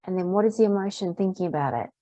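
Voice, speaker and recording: A woman practitioner calmly guides a tapping lesson with repetitive phrases, her mid-range voice slightly hoarse as she clears her throat. She talks very fast, and the dry recording sounds dull and muffled, with no echo.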